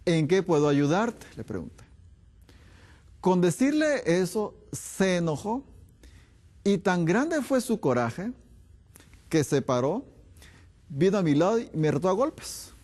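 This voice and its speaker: Male doctor, fairly high voice, emphatic lecture style with many rhetorical questions. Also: very animated, takes it slowly, pauses often, a little mellow. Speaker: doctor giving a health talk. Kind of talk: health lecture to an audience.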